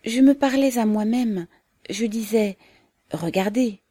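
A woman's voice: fairly high pitch, a little slow, dark tone, dry recording, studio quality, pitched above the performer's own voice. A woman voicing a timid older mother. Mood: gentle, humble. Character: shy, humble older working mother.

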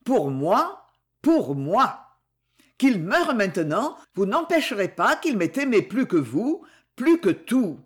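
A reader voicing a possessive young wife in an audiobook, who speaks in a low, calm and intense manner. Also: slow. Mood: triumphant. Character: cold, possessive young wife, quietly triumphant. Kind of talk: audiobook character reading.

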